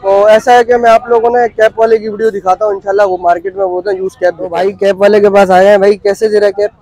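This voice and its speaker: A man's voice: high voice, flat delivery, fast talker, darkish tone, no room sound, poor audio. A man in his thirties vlogging through a busy outdoor street market, chatting casually, repeating prices and talking to viewers. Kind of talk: casual walkthrough vlog, asking prices.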